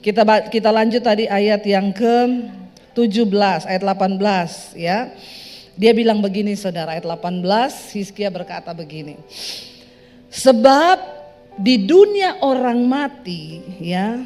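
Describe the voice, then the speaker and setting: A woman pastor preaching a sermon in a lively, joking way, speaking straight to her congregation. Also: medium pitch, normal speed. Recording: reverberant hall with soft music.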